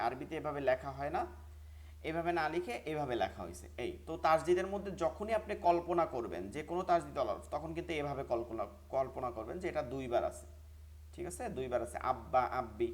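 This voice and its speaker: A man teaching a Quran reading class online, patiently drilling syllable spellings aloud over a video call. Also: on the high side.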